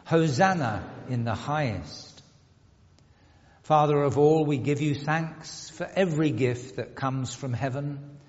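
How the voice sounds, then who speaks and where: A man leads the communion prayer in a large church, measured and solemn at an unhurried pace. His voice hangs in a long cathedral-like echo. The recording sounds dull and slightly muffled. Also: fairly high pitch, darkish tone. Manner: slow, measured, solemn intoning. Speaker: priest leading the communion prayer. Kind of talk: liturgical prayer recitation.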